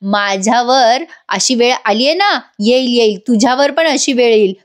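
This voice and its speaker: A woman's voice: fairly high pitch, moderate pace, lightly acted. A woman voicing a grumbling young husband in a retold soap scene, complaining and repeating words in mock outrage. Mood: indignant.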